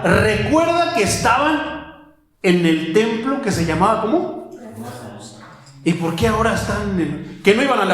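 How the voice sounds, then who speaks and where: A man preaching a sermon as pastor, animated, firing rhetorical questions and calling listeners "my brother". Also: high voice. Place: church hall. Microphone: handheld microphone. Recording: very echoey church hall.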